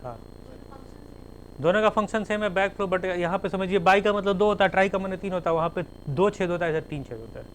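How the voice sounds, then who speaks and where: A man's voice: high-pitched, quick pace, slight background noise, low-quality recording. A male teacher giving a classroom lecture, spelling terms out letter by letter and explaining with everyday examples.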